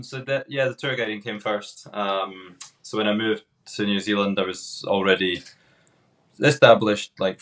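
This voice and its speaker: A man from Glasgow, Scotland, with a low, flat voice, chats casually as a podcast guest who works as a tour guide. He's relaxed and unhurried, often hesitating with fillers.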